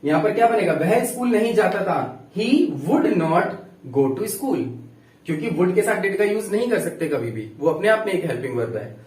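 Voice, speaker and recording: Brief: male teacher, high and animated delivery, slow dictation of examples, recorded from a distance. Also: echoey room. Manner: explains slowly, dictating example sentences word by word. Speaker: English grammar teacher. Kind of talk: classroom-style grammar lesson.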